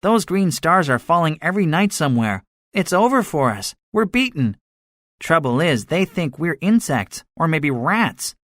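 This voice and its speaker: In dramatized audiobook dialogue, a man voices a cynical, boastful soldier, an excitable survivor full of grand schemes, pushing his voice higher than his natural pitch. He speaks emphatically with a swagger, sounding bitter and scornful. The fairly high, very animated, fairly bright delivery comes at a moderate pace, in clean studio sound without echo.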